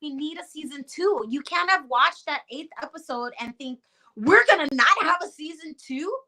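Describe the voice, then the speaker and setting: A Chicago Puerto Rican–accented actress, a guest in a laid-back conversation, is passionate and emphatic, dramatizing the quoted reactions. Her high voice is animated, pushed and bright at a moderate pace, captured in a low-quality recording.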